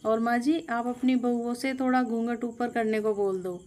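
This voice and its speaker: A woman's voice: on the high side, steady tone, moderate pace, darkish tone, natural voice. A woman voicing a polite, deferential male wedding photographer in a storybook tale.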